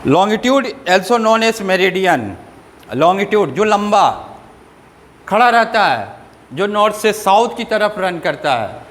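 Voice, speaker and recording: A man teaching a school class, asking questions and answering them himself in a lower voice, and reading English lines out slowly. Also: lively intonation, a bit bright, in a large hall, slight background noise. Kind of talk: classroom lecture.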